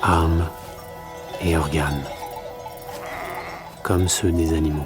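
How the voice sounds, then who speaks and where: An actor narrating as a young shepherd reflecting on mountain life, in calm literary voice-over. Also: male voice, extremely low pitch, slow. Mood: reflective. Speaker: film narrator. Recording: voice-over with loud music behind.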